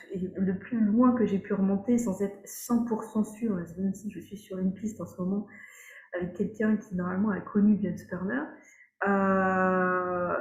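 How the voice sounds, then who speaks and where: French woman, casual explanatory talk, halting with fillers, mid pitch, roomy sound. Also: darkish tone. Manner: hesitant, many fillers and restarts. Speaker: energy healing teacher. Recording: echoey room.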